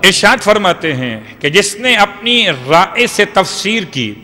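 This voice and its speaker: A man's voice: high voice, big pitch swings, bright, forceful tone. A man giving a religious lecture to a congregation, explaining points with rhetorical questions and recited Arabic verses. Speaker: Shia cleric giving a majlis lecture. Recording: long hall reverb.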